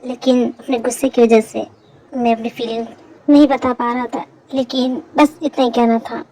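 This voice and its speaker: A woman voicing a gentle, remorseful young man in a fan dub drama, talking in a soft, hesitant, pleading way. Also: a little high, fairly even intonation, moderate pace, a little hiss or hum, lightly acted, rough recording. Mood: confessing.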